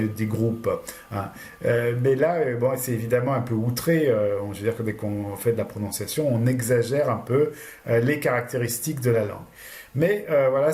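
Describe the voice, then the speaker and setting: A man's voice: medium pitch, darkish tone. Man lecturing casually, full of filler sounds. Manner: hesitant, many fillers and restarts while explaining course material. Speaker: university lecturer.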